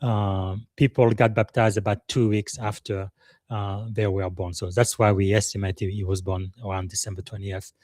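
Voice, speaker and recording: A man's voice: fairly low pitch, level tone, moderate pace, a little mellow, dry recording, studio quality. A middle-aged man from Congo, hosting a live podcast in an earnest, emotional way, with many hesitant "uh" fillers. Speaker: podcast host.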